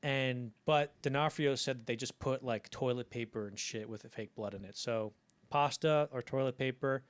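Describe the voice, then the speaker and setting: A man co-hosting a casual film podcast, telling behind-the-scenes stories with animated asides and casual swearing. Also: medium pitch, normal speed, smooth. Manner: animated storyteller, acts out quotes, swears casually. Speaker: podcast co-host.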